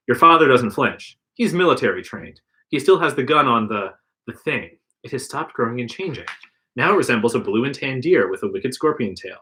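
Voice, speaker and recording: A man's voice: mid-range voice, bright, forceful tone. A man reading an interactive gamebook aloud on a livestream podcast, putting on voices for the dialogue. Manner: reads narration plainly, puts on voices for dialogue. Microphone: livestream podcast mic.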